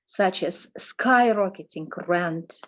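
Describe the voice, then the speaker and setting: A middle-aged woman from Russia with a Russian accent, giving a slow, careful prepared statement as a board nominee. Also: fairly low pitch, rough recording.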